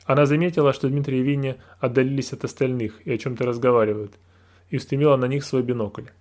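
A man narrating a novel aloud in a calm, measured reading voice. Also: medium pitch. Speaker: audiobook narrator. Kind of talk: scripted narration.

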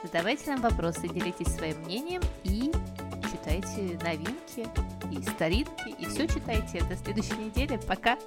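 A woman's voice: medium pitch, very animated, normal speed. Woman co-host over background music. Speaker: podcast co-host. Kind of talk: casual chat and show outro. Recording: music playing under the voice.

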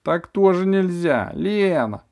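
A man's voice: fairly high pitch, animated, moderate pace, a little mellow, voice pushed up. Man playing a stern, bossy woman dentist. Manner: coaxing then sharply commanding. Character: small stern female dentist, firm and impatient.

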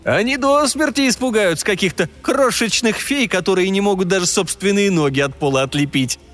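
A man voicing an ordinary man who speaks with dry, gentle mockery. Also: high-pitched, a little fast, soft background music, voice pushed up. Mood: mocking. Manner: dry, mildly mocking. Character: ordinary mocking middle-aged American man.

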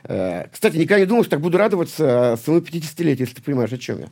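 Very fast and very animated, a man in his late forties from St Petersburg, Russia, a punk poet and musician, rambles through a casual interview as a guest. His voice is a little high and a little mellow, full of swearing, restarts and repeated words.

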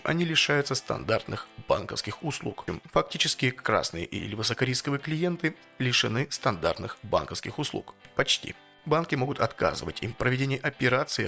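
Fast, lively man presenting news. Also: medium pitch, creaky. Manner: informal, conversational, explanatory asides and self-posed questions. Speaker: podcast host presenting business news. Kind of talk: news commentary with casual slangy asides.

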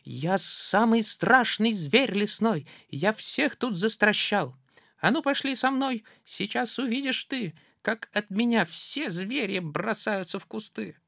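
A storyteller putting on a tiny, clever, boastful mouse with a squeaky, singsong voice. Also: expressive, slow pace, creaky, a bit bright, no room sound, studio quality, heavily acted. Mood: cocky. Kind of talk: storybook reading.

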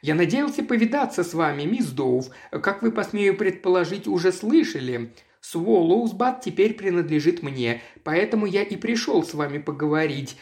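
Pushy wealthy buyer, blunt and brusque, as the narrator puts him on. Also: male voice, high-pitched, very animated, moderate pace, darkish tone. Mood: businesslike. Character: brash rich businessman, pushy buyer. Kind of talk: audiobook character voice.

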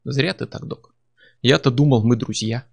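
A man reading aloud, voicing a rough, mocking male barbarian comrade with a gruff, jeering manner. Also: mid-range voice, normal speed. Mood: cold.

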